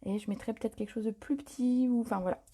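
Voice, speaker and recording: A woman's voice: on the high side, fast talker, breathy edge. A woman hosting a live paper-craft tutorial, talking casually and improvising as she works, with plenty of fillers and self-corrections. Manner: chatty and relaxed, many fillers and self-corrections.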